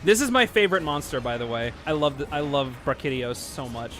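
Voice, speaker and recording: A man hosting a casual gaming chat while playing, animated and rambling, laughing often. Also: mid-range voice, brisk, noisy background. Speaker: gaming channel host. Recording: faint game music behind.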